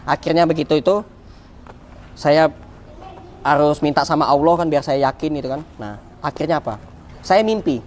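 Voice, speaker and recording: A man telling his personal story as a guest in an interview, animated, repeating words for emphasis and acting out dialogue. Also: a little high, normal speed, long pauses, a little hiss or hum. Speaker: guest, founder of a free restaurant.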